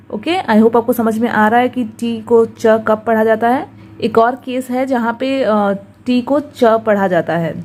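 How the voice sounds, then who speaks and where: Slow, careful Indian woman teacher. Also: on the high side, mellow, low-quality recording. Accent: Hindi. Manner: slow, careful, repeats words for drilling. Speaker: English pronunciation teacher. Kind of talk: YouTube pronunciation lesson.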